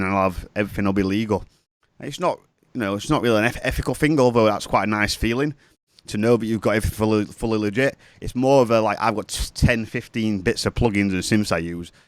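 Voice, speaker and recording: The audio is clean and studio-like with no room sound as a man with a lowish voice walks through music production on a casual screen-share. He's sniffly from a cold and talks in a chatty, rambling way, correcting himself as he goes.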